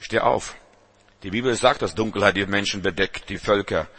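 At a church service, a man preaches a sermon to the congregation, emphatically repeating himself and urging his listeners on. His voice is lowish, fairly bright, and slightly rough, delivered at a moderate pace.

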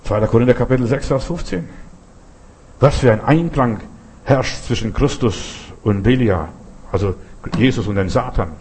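Older man, preacher, sermon, husky voice, emphatic, repeats phrases. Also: mid-range voice, moderate pace, a little mellow. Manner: emphatic, repeats phrases, keeps asking "weißt du". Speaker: Pentecostal preacher.

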